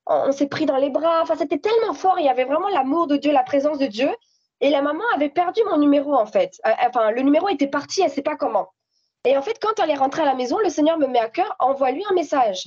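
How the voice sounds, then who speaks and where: A woman with a French accent giving a spontaneous spoken testimony at a church meeting, animated storytelling with frequent restarts. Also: sits high, quick pace. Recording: slightly dull audio recording.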